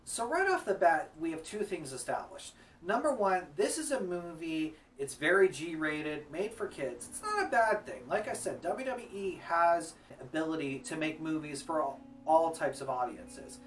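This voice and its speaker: A man's voice: on the high side, big pitch swings, normal speed, a bit bright, distant mic, a little hiss or hum. Casual male film reviewer. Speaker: co-host reviewing films.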